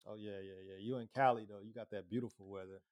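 A man's voice: lowish voice, steady tone, fast, a little mellow, no room sound. A man co-hosting a podcast, chatting casually in a laid-back, slangy way. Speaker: podcast co-host. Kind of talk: casual chat.

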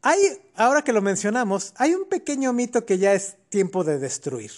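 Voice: mid-range voice, very animated, moderate pace. A podcast co-host with a Mexican accent, explaining history in a casual chat with colloquial asides.

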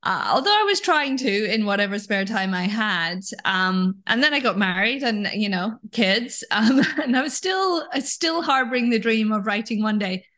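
A woman's voice: medium pitch, lively intonation, moderate pace, hardly any pauses, a bit bright. A woman in her forties, a guest author on a video call interview, chatty and self-deprecating with frequent ums and light laughs. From Scotland.

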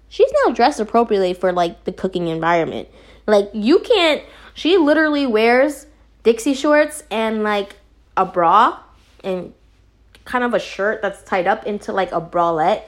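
A young woman reviewing an anime in casual chat, rambling with lots of fillers and giggles. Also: a little high. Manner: giggly, rambling, animated, frequent fillers and laughs.

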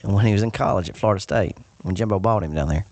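A man with a fairly low voice, co-hosting a sports chat and needling his friends as he calls for their picks. The sound is dry and close. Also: fast, darkish tone, no room sound. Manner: teasing, runs the segment. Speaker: podcast co-host.

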